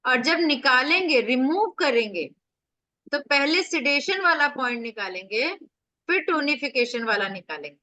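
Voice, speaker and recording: A woman's voice: high-pitched, lively intonation, moderate pace, sharp tone, no echo. A woman acupressure teacher giving an online revision lecture over a video call, explaining step by step with rhetorical questions and staying firm with her students.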